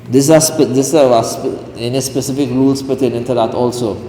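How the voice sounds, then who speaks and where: A man's voice: mid-range voice, steady tone, a little fast, mellow. A man, a mufti, teaching Islamic law in a lecture class, who keeps checking his listeners with "right?" and "what?". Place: mosque hall. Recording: roomy hall echo, faint hiss.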